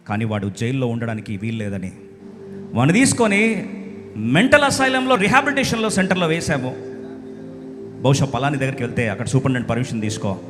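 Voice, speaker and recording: A man voicing a weary, blunt middle-aged jailer who speaks in a lowered, matter-of-fact way. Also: natural voice. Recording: echoey hall with loud music.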